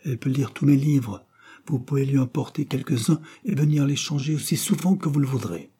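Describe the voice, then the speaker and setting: A man's voice: medium pitch, a little fast, warm tone, slightly rough, voice pushed up. A man reading a novel aloud, voicing a kind young girl in a raised, friendly voice. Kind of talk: audiobook character voice.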